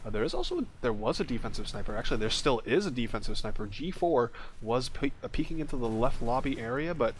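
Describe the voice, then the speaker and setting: A man casting a live video game match play-by-play, quick and relaxed, with small jokes. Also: mid-range voice, slight background noise. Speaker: esports play-by-play caster. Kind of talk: casual live game commentary.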